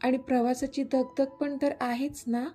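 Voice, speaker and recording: A gentle, teasing young husband speaks softly and reassuringly in a storybook romance , as a woman narrator reads him. His voice sits fairly high, mellow and a little breathy. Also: level tone, measured pace, soft background music. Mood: tender. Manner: soft, affectionate, reassuring.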